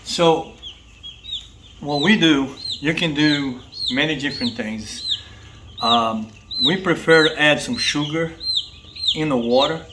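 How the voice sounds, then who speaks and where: A man's voice: medium pitch, heavy background noise. A man hosting a vlog, casually explaining step by step how to care for baby chicks beside a coop. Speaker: vlog host.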